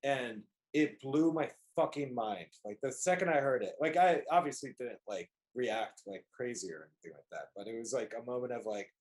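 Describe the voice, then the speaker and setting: A man co-hosting a casual podcast chat, telling stories with animated energy and playful put-on voices, recorded at home on a call. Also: medium pitch, normal speed, few pauses. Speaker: podcast co-host.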